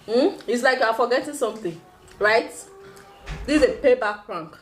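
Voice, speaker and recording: A woman's voice: a little high, lively intonation, normal speed, faint music behind. A woman with a Nigerian accent in casual, playful banter with her spouse, talking while she eats. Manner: giggly, playful; talks while eating. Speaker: mukbang vlogger playing a prank on husband.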